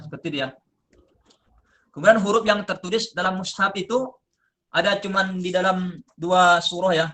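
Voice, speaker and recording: A man presenting a lesson on recitation, explaining step by step and slowly chanting drawn-out example words. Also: high voice, fairly bright tone. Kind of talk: classroom-style lesson presentation.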